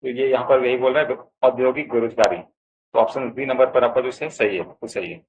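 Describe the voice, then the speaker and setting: This answer key walkthrough comes from a man of medium pitch with a Bihari Hindi accent, talking fairly quickly over dull audio. Calling his viewers friends, he explains each option steadily, one after another.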